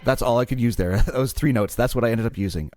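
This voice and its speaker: A man's voice: mid-range voice, fast, loud music behind the voice. A man co-hosting a podcast, explaining songwriting in a casual, self-deprecating way. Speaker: podcast co-host.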